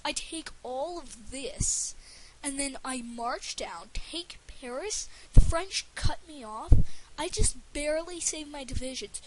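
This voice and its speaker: A woman's voice: sits high, lively intonation, a little slow. A woman giving casual gameplay commentary for a let's play, rambling and stumbling over her words with lots of fillers. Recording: faint hiss under the voice.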